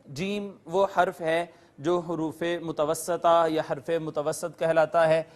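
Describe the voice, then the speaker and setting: High-pitched guy teaching a quran class, patient, spells out every term and repeats it for viewers. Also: level tone. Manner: patient, methodical, repeats key terms with definitions; addresses viewers politely. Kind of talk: lecture explaining Arabic letters and recitation rules.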